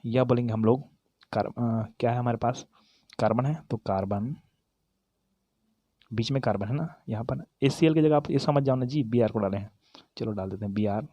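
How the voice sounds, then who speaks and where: A man's voice: medium pitch, warm tone, no echo. A man teaching a chemistry lesson to students, talking directly to them, asking and then answering his own questions, and correcting himself as he goes. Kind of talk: classroom-style lesson, explaining while writing.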